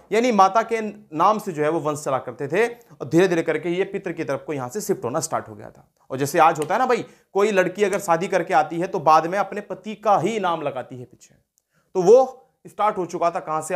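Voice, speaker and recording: High-voiced man teaching an exam-prep lesson. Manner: repeats key terms and asks the class questions, then answers them.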